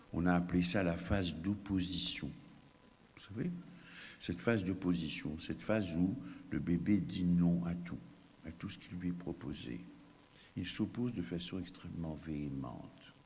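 A man, a child psychiatrist, gives an animated, emphatic conference lecture with asides to the audience. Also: low voice, a little slow, slightly rough. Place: lecture hall. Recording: long hall reverb, faint background noise.

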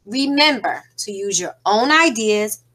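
Woman teacher, read-aloud for a test, slow and measured, bright sharp tone. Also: mid-range voice, lively intonation, poor audio. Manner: slow, clear, measured reading. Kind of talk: reading a story and test directions aloud.

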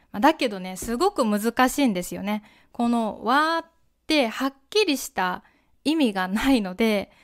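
Slow, clear-speaking young woman podcast teacher. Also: a little high. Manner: gentle, friendly teacher, demonstrating example phrases. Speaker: podcast host teaching Japanese. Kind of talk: slow, clear explanation for learners.

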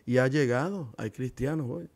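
A male pastor preaching a sermon from his living room, swinging from hushed tones to loud emphatic bursts. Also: medium pitch, moderate pace.

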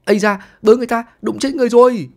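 A man voicing a brash, hot-headed young man who talks loud and theatrical, whining and hamming it up. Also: a little high, lively intonation, fast talker, voice pushed up. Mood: mock wailing.

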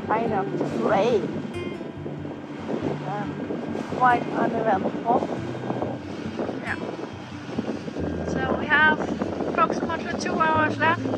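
A middle-aged woman casually narrating her sailing vlog aboard a boat, relaxed and chatty, with frequent restarts and fillers. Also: fairly high pitch, rough recording. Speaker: sailing vlogger. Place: on a sailboat at sea. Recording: music playing under the voice.

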